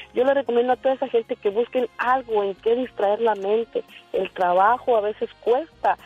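A woman's voice: medium pitch, slightly rough. A woman calling in to a radio show, sharing earnest, heartfelt advice. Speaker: caller. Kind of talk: phone-in testimony. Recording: tinny dry phone line.

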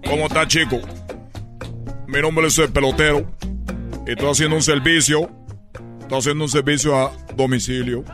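A man's voice: fairly high pitch, steady tone, normal speed, long pauses, music in the background, close to an everyday voice. A man voicing a cheerful Cuban baseball player with a Cuban Spanish accent, chatty and calling everyone "chico" in a radio comedy sketch. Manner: chatty, keeps saying "chico".

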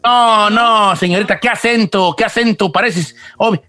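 A man's voice: sits high, normal speed, sharp tone, dry recording, faint music behind. A man putting on the voice of a teasing old Mexican ranchero radio host, with a Mexican accent and rambling, playful banter. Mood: joking.

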